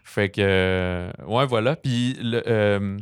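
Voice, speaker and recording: A man with a low, smooth, resonant voice and a Quebec French accent chats casually about films. His telling is animated and digressive, and the recording is close and dry. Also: takes it slowly, dry recording. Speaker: film review co-host. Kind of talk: casual film review chat.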